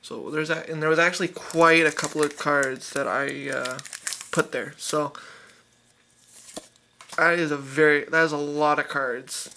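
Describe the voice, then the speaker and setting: A man's voice: on the high side, pushed and bright, slight background noise. A man casually opening card packs on camera, rattling off card names with enthusiasm. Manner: rapid-fire listing of card names, enthusiastic.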